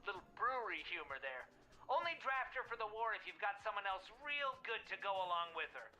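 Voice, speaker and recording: A wry video game wisecracker with a very bright, forceful voice. The delivery is theatrical and swoops widely, over background music. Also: female voice, medium pitch, very animated, fairly quick, low-quality recording. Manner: wisecracking, dramatic.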